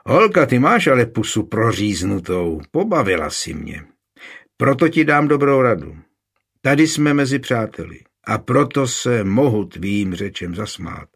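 Grave old war captain, voiced by a male reader, blunt and low, storybook reading. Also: big pitch swings, a bit bright, breathy edge, full character voice. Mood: amused. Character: gruff one-eyed veteran male commander.

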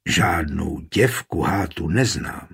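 A sly, short, plump burgomaster, as a male audiobook reader puts him on, who argues coolly and lawyerly. His voice is husky and steady. He stays composed under threats. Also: deep voice, voice pushed down, full character voice. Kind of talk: audiobook character voice.

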